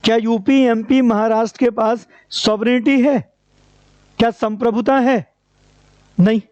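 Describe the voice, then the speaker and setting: A man's voice: very high voice, fairly even intonation, measured pace, a little mellow, dry recording. A man teaching an exam-prep lecture, asking rhetorical questions and answering them himself in a repetitive, drilling way. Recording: dry, dull lo-fi recording.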